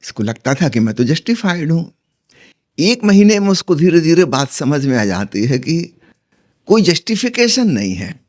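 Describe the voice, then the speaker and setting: Brief: male spiritual teacher, steady mid-pitched voice, calm explanatory discourse. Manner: calm, explanatory, with humorous anecdotes.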